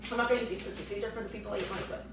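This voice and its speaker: A woman's voice: mid-range voice, steady tone, rapid-fire, distant mic. Teen girl vlogger, sick, chatty and rambling, heard from off mic in a very echoey room with faint noise. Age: teens. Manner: chatty, rambling, self-deprecating. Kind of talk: casual vlog talk to camera. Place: at home.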